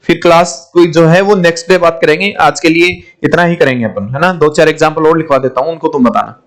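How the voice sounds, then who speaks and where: A man's voice: a little high, a little fast. A man teaching an English grammar class, asking questions and repeating the answers, calling his students "my children". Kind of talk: classroom lecture.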